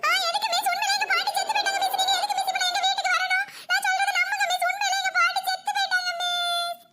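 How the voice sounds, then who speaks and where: A woman voicing a little schoolgirl in a comedy cartoon who schemes to skip school, pleading and whining in a drawn-out way. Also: extremely high pitch, little pitch movement, very noisy. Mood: whiny.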